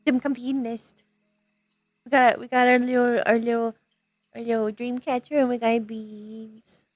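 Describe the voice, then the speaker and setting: Playful gamer girl on headset: high female voice, slow childlike chatter, dry close sound over faint music. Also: little pitch movement, no room sound. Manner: playful, childlike, repetitive baby-talk phrasing. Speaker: streamer role-playing in a virtual world. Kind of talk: playful gamer chat, in-character role-play.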